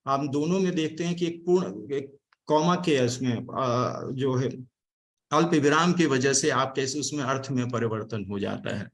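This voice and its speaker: A man's voice: mid-range voice, measured pace. Formal man speaking on a video call. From Delhi, India. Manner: formal, hesitant with fillers, explains word meanings. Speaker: speaker giving vote of thanks at online event. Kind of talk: formal academic speech.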